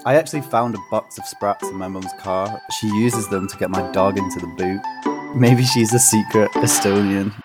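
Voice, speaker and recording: A man co-hosting a podcast, relaxed and chatty, telling anecdotes. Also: low-pitched, moderate pace, over loud music. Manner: relaxed, laughs, tells anecdotes. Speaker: podcast co-host. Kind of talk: casual chat.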